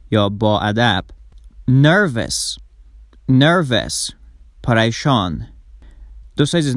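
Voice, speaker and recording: Man teaching with lively pitch. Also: no room sound, studio quality. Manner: slow, drawn-out model pronunciation, brisker Persian explanations. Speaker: English teacher. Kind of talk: language lesson with slow repetition.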